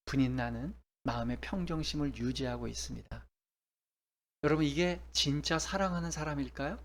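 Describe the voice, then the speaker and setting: A middle-aged male pastor giving a sermon, emphatic, with many rhetorical questions. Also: on the high side.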